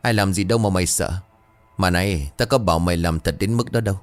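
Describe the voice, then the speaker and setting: Man doing a gruff, scolding old landlord. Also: deep voice, quick pace, lightly acted. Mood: angry scolding. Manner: snapping, scolding and cursing. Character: gruff bad-tempered older male landlord.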